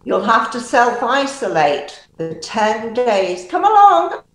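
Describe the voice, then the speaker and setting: Lady doing a bossy panto official, slow and theatrical, voice swoops all over, echoey room. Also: a little high, big pitch swings. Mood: bossy, mocking. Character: officious female quarantine official stopping travellers. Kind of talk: pantomime acting.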